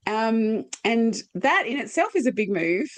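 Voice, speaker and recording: Higher-voiced woman hosting a chatty podcast. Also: very animated, unhurried, no room sound. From Australia. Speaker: podcast host. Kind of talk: casual conversational hosting.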